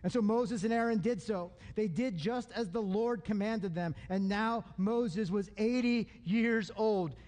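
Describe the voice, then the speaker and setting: A man's voice: high-pitched, a little slow, few pauses, darkish tone. A man pastor preaching a sermon, emphatic and fond of repeating his lines for effect, in a church sanctuary. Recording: long hall reverb.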